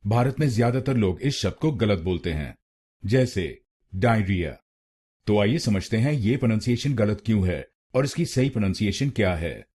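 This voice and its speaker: A man from India leads a scripted pronunciation tutorial, breaking words into syllables and repeating each one. His voice is low, warm and a bit husky, and he speaks slowly with a lively rise and fall. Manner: slow, careful, repeats syllables. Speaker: pronunciation teacher.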